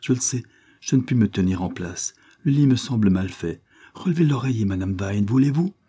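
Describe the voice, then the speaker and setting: A man reading aloud, voicing a feverish, dying little boy in a raised, soft, pleading voice. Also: lowish voice, expressive, normal speed, husky.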